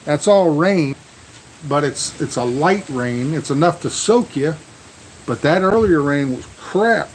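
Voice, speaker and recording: A fairly high-pitched American man with lively intonation chats unhurriedly on a live stream, outdoors beside a truck in the rain. The storm vlog talk is folksy and rambling with repeated words, and the poor audio has slight background noise.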